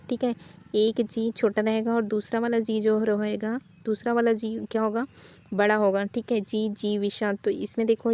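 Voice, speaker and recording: A woman's voice: fairly high pitch, dark tone. A woman teaching a Hindi spelling lesson for exam practice, explaining each answer step by step and asking questions as she goes.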